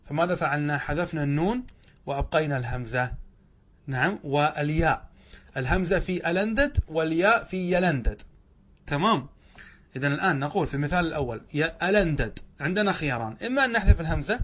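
A man teaching Arabic grammar in a lesson, asking his own questions and answering them, often drawing out words as he explains. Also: fairly high pitch. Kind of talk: classroom lesson.

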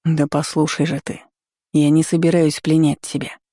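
A woman's voice: sits low, little pitch movement, normal speed, warm tone, dry recording, clean studio sound. A woman voicing a proud, commanding male dragon lord who speaks curtly and firmly. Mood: stern. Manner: curt, commanding, unyielding.

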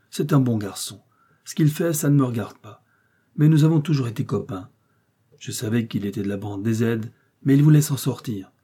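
A man's voice: lowish voice, dark tone, breathy edge. A man reading an audiobook, voicing a huge, lovesick Parisian tough guy who talks in emotional, pleading exclamations.

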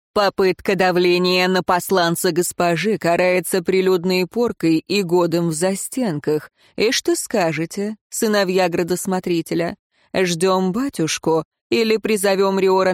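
A cold, curt royal councillor from a storybook, dry and commanding, read by a man in his own low register. The sound is close with no room. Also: steady tone, unhurried, no room sound.

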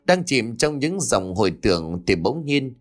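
Male storyteller with lively pitch. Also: a little slow, faint music behind. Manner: expressive, storytelling cadence. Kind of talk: dramatic story narration.

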